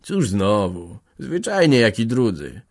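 A man reading aloud who voices a weary old man, speaking gently, soothingly and a little evasively. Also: fairly low pitch, very animated, slow, heavily acted. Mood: reassuring.

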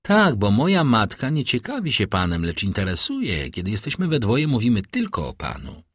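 A man reading an audiobook, voicing an eager, impulsive young nobleman with a husky voice. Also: on the low side, huge pitch swings, moderate pace, no room sound, clean studio sound, exaggerated voice.

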